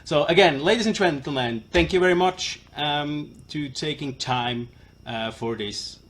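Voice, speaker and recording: A man with a broad Swiss German accent giving an informal live product presentation, speaking in a halting, hesitant way. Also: a little high, fairly bright tone. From Switzerland. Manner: halting and hesitant, apologetic non-native English speaker. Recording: live stream with clear background noise.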